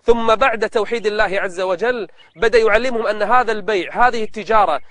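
A man's voice: high voice, crowd noise. A man presenting religious stories in formal standard Arabic, explaining in a preacherly storytelling manner. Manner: preacherly, explains between slow melodic recitations of scripture.

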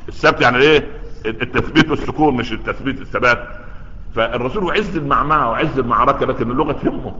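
Fast, bright-voiced preacher in a hall. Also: male voice. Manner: storytelling, acts out quoted voices with big pitch swings. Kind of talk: sermon. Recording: echoey long-reverb hall, dull lo-fi sound.

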